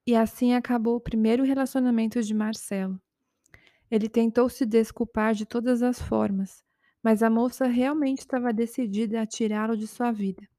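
A woman narrating a story calmly and evenly, her voice pitched a little high. The recording is dry and close, with no room sound. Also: moderate pace, no echo.

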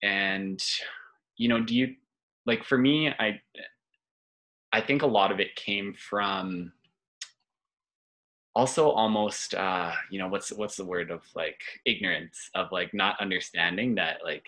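A man hosts a podcast with a very deep voice that still has a bright, forceful edge. He asks friendly, rambling questions, packing them with fillers as he talks his way toward the point. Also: measured pace, long pauses, poor audio. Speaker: podcast host. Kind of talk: casual interview chat.

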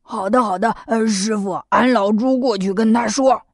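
A woman's voice: a little high, normal speed, no room sound, clean studio sound. A woman voicing a clumsy, simple-minded pig-monk in a children's storybook audio, with rustic folksy talk. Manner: rustic folksy talk, calls himself 俺老猪.

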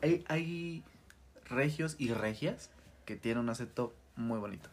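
A man's voice: medium pitch, expressive, unhurried, a little hiss or hum. A man with a Mexican accent bantering casually, chiming in with wry, teasing remarks. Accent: Mexican Spanish. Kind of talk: casual comedic chat.

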